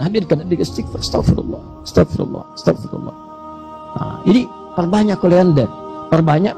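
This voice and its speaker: A man preaching a sermon, swinging between high urgent appeals and hushed low prayers.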